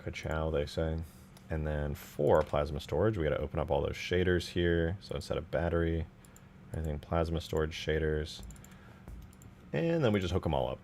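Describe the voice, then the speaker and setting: With slight background noise behind him, a man speaks at normal speed in a rumbling low, creaky, slightly mellow voice that's expressive. He's a streamer modding a game, chatting casually as he thinks aloud and asks himself questions.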